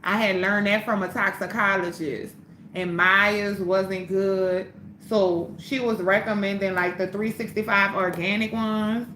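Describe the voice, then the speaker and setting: A woman's voice: mid-range voice, fairly bright tone, reverberant, slight background noise. Fired-up, profane woman livestreaming. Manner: blunt, profane, fired-up pep talk. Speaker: livestream host. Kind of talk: casual livestream talk to viewers.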